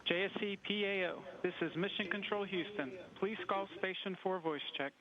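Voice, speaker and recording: Guy doing formal mission control radio calls, space communicator style, highish voice, lo-fi radio sound. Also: normal speed, a crowd in the background. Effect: radio transmission. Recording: narrow-band radio link.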